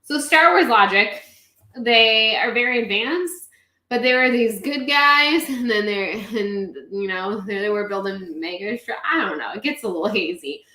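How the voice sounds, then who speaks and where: A tipsy woman in a casual movie review chat, rambling and animated, swearing and drawing words out. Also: mid-range voice. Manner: tipsy, drawn-out, rambling delivery. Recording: roomy echo.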